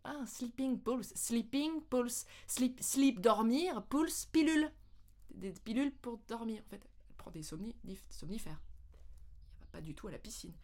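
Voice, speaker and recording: A French woman vlogging, telling anecdotes in a casual, animated way with lots of laughter. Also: fairly high pitch, normal speed. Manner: animated, laughing, with playful English mimicry. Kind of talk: casual storytelling.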